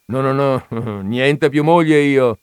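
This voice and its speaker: A man's voice: mid-range voice, lively intonation, unhurried, darkish tone, no echo, studio quality, close to an everyday voice. A man doing a fat, boastful talker. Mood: chatty. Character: fat, jovial middle-aged man, garrulous and boastful. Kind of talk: audiobook character reading.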